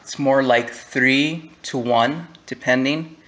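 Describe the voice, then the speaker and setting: A young man talks straight to the camera from home in a personal vlog. His voice sits at an ordinary middle pitch, and he speaks candidly and haltingly, filling gaps with pauses and fillers. It sounds like an unscripted monologue. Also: fairly bright tone. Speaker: vlogger.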